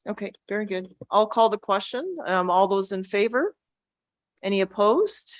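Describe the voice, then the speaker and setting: A woman's voice: medium pitch, animated, moderate pace, dry recording. A woman acting as mayor, chairing a council meeting in a polite, procedural way. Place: council chamber.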